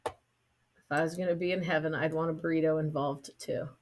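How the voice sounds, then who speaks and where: Amid crowd noise, a woman delivers an informal math lecture in a low, steady voice at a fairly quick pace. She keeps checking in with "right?" and slips in light-hearted jokes for her students.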